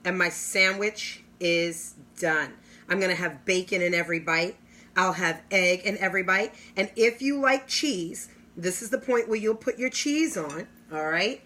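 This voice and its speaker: Bright, enthusiastic woman demoing kitchen gadgets. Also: lowish voice. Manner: enthusiastic salesy, drawn-out exclamations. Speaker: product demonstrator. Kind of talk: live kitchen product demo.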